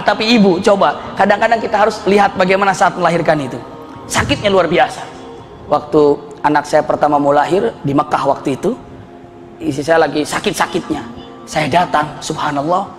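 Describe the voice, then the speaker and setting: A middle-aged man preaching a lively sermon full of stories, animated and often laughing, his voice leaping up for emphasis. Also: high voice. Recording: reverberant hall with faint music.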